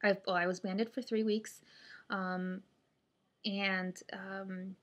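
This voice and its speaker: A woman's voice: mid-range voice, flat delivery, slow pace. Hesitant woman vlogger, stiff post-surgery jaw. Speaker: vlogger sharing surgery recovery update. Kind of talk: casual chat to camera.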